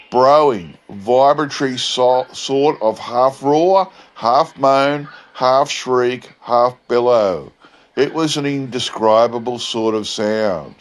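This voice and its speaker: Drover played by a male reader: laconic outback drawl, very unhurried, deadpan, telling a tall bush yarn. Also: medium pitch. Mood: emphatic, deadpan. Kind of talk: dramatic bush yarn storytelling.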